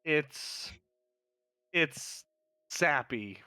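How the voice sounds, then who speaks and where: A man's voice: a little high, expressive, very slow, pushed and bright, clean tone, no echo, clean studio sound. A man running a tabletop game as game master, narrating in a casual, rambling way.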